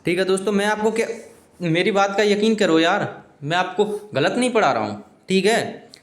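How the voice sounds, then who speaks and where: High-voiced man teaching an exam lesson. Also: lively intonation, normal speed, reverberant. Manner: repetitive, keeps saying "okay friends"; pleading with viewers, informal.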